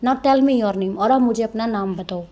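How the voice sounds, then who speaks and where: A woman teaches a textbook chapter, reading each passage slowly before explaining it in a Hindi-mix. Her voice sits fairly high and sounds mellow and soft. She keeps checking in with her listeners through little tag questions. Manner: reads English lines slowly, then explains in Hindi-English mix. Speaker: English teacher.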